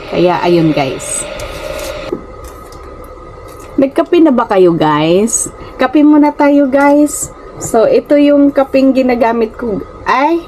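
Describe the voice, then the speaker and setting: Isang babaeng vlogger na lumaki sa Pilipinas at may puntong Pilipino, kaswal na nakikipagkuwentuhan sa mga manonood sa kanyang maliit na kuwarto, at paminsan-minsang nabubulol. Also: female voice, mid-range voice, mellow, a little hiss or hum, rough recording. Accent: Filipino. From Philippines. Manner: chatty, often addresses viewers as guys, stumbles over words. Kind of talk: casual chat to viewers. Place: small rented room at home.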